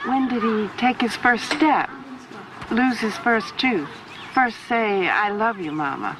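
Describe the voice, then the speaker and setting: A woman's voice: fairly high pitch, slow pace, noisy background. A woman acting in a TV drama as a stern, confrontational character with a pointed, accusing manner. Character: stern, confrontational woman siding with the birth mother. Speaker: actor in a TV film.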